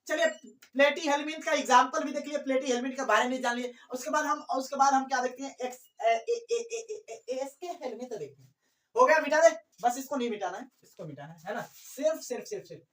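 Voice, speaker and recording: A woman teaching a biology class, her voice a little high, repeating each point and quizzing the room with rhetorical questions. She sits some way from the microphone in an echoey room, so the sound is distant and roomy. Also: fast talker. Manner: repetitive, keeps asking rhetorical questions; mixes in English terms. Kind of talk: classroom lecture. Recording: echoey room, far from the mic.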